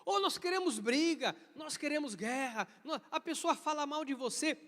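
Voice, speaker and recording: High-voiced Brazilian man preaching in a hall. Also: moderate pace. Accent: Brazilian Portuguese. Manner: animated, imitates sounds with his voice. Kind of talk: storytelling sermon. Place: church service. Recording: reverberant church hall.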